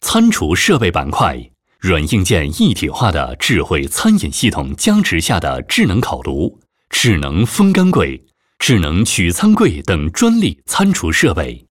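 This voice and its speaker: Deep-voiced man, corporate promo voice-over. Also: a little slow, dry recording, studio quality. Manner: formal, steady announcer delivery. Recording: voice-over with background music.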